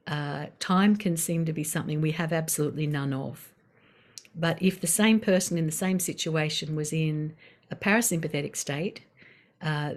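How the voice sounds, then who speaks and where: Woman, low pitch, calm, gentle pauses, guided self-care talk. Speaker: wellbeing session facilitator.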